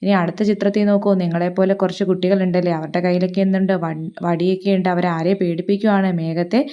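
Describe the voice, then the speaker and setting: A woman teacher explaining a picture lesson to young children, slowly and patiently, asking questions and then answering them herself. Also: on the low side, little pitch movement, clean tone, lo-fi sound.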